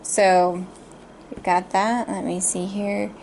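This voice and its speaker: Slow-paced woman in a pictionary guessing game. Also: medium pitch, little pitch movement, gravelly, a little mellow, slight background noise. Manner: halting, pauses to search for words. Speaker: player in a drawing guessing game. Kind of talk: casual pictionary guessing game chat, giving drawing instructions.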